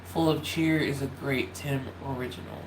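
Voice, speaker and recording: At a moderate pace and steady tone, a mid-range, nasal voice that cracks slightly rambles to viewers on a holiday livestream. This YouTuber often apologizes, loses track, and begins again. A loud space heater in the room at home leaves a faint hum beneath the echo.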